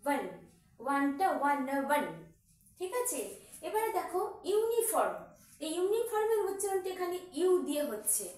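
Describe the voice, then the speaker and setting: A woman teacher speaks with a Bengali accent in a high, animated voice that swings up and down. She works through examples one by one, repeating them and asking her pupils questions. Her voice rings in an echoey room, picked up from a distance. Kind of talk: classroom grammar lesson.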